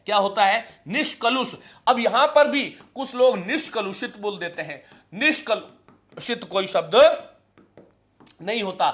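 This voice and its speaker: High-voiced man teaching Hindi grammar. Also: a bit bright. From India. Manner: repeats key phrases and quizzes students; chants verse for students to repeat. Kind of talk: online class lecture.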